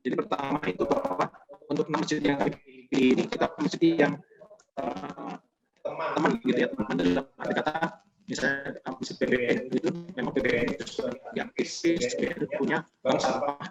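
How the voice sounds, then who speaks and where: A man answering press questions over a video call, his audio breaking up and cutting out, speaking hesitantly with many pauses. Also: fairly high pitch, creaky, over loud music, poor audio. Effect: choppy audio breaking up over a video call.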